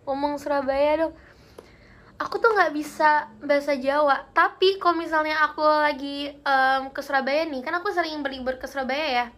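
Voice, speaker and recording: Her voice sits high with a fairly bright tone as this young woman runs a live stream. Giggly and chatty, she tells spooky stories, talks casually with viewers and reads out their comments.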